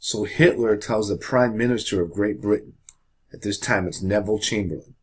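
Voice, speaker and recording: A man teaching a high school history lesson in a casual, chatty way, often checking in with the class. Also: normal speed, slightly rough. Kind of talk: classroom lecture.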